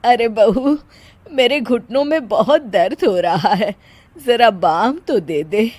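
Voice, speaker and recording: A woman's voice: a little high, expressive, slow pace, a little mellow, dry recording. A woman voicing a fussy middle-aged mother-in-law in a cartoon, scolding and easily offended. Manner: scolding, exasperated.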